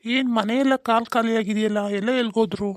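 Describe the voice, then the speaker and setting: A woman's voice: a little high, fairly even intonation, quick pace, dry recording, clean studio sound, close to an everyday voice. A woman voicing a weary young husband. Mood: weary pleading. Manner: pleading, tired peacemaker. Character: young working husband caught in family quarrels. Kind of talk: cartoon voice acting.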